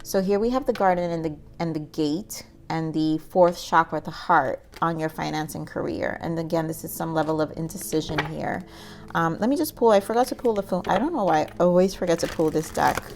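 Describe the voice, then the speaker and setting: A woman's voice: low-pitched, fairly quick, darkish tone, a little hiss or hum. A woman giving a casual tarot reading, musing aloud with many "like"s and "um"s as she pulls cards. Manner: musing, says "like" and "um" often, talks to spirit while pulling cards. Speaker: tarot reader.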